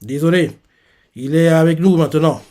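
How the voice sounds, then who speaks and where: A man's voice: on the high side, normal speed, darkish tone, natural voice. A man voicing a composed male manga fighter in a plain, matter-of-fact tone. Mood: calm.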